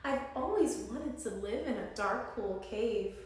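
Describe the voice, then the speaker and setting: A small, curious teddy bear from a picture book acted out by a woman, earnest and innocently amazed by everything. The voice is fairly high and sits in a very echoey room, away from the mic. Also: animated, a little slow. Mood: delighted wonder. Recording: very echoey room, distant mic, faint noise.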